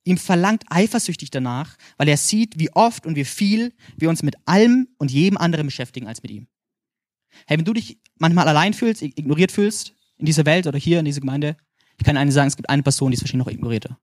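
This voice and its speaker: A young man from Franconia with a Franconian German accent, preaching a sermon in an energetic, animated way, often calling out "hey" and asking "ja?". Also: fairly high pitch, fast talker, dry recording, studio quality.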